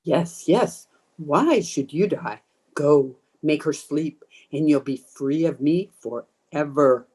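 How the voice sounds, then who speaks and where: A woman's voice: sits low, dark tone, slightly rough, heavily acted. A woman playing a menacing, commanding undead ghost hungry for blood, in old time radio horror style. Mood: coaxing, commanding. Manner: slow, commanding, taunting. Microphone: video call.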